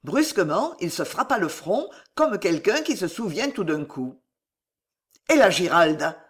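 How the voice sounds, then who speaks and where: A woman narrating a novel as an audiobook, in a dramatic, expressive way. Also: mid-range voice, moderate pace.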